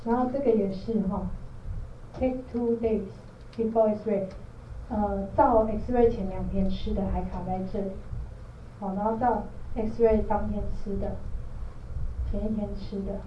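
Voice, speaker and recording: A woman's voice: medium pitch, fairly even intonation, measured pace, pauses often. A distant, echoey recording carries a woman presenter with a Taiwanese Mandarin accent. She explains in an informal lecture style and often checks that listeners follow. The sound is slightly dull. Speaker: product trainer, presenter. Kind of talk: informal training lecture to a group. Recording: roomy echo, distant mic, dull, faint noise.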